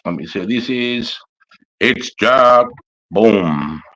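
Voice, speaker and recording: A man's voice: fairly low pitch, animated, slow pace, fairly bright tone. A middle-aged man with a broad Australian or New Zealand accent, hosting a casual livestream chat in slangy, sweary, blokey talk. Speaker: livestream host.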